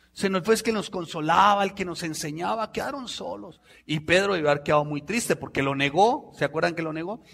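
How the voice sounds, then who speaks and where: A middle-aged man, preaching a sermon in an animated way and acting out voices. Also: on the high side, creaky, slightly rough. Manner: animated, acts out voices with sudden loud outbursts.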